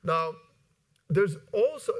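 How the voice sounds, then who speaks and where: A man in his forties from Iceland, giving an animated conference talk from a stage, with many fillers and restarts. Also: high voice, slow. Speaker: conference speaker. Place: large conference hall with audience. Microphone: lapel mic.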